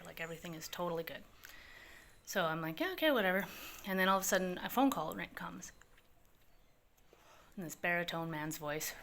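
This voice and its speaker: A woman spins a personal story in a bright, fairly low voice. She is casual and swears freely, springing into high, excited voices whenever she quotes someone. A faint room ambience sits under her voice. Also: slight background noise. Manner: animated, profane, jumps into high voices for quoted people.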